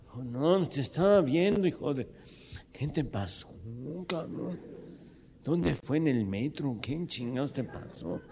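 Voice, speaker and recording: A man voicing a shaky, weepy old man on the subway, slow and mumbling, with a Mexican accent. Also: mid-range voice, expressive, dark tone, a little hiss or hum. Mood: pitiful.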